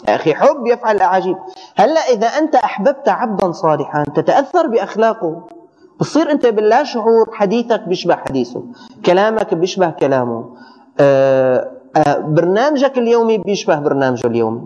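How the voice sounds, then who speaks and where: A man giving a colloquial religious lesson, animated, often stumbling and repeating words for emphasis. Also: sits high, fast. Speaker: religious teacher. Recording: dull audio with long hall reverb.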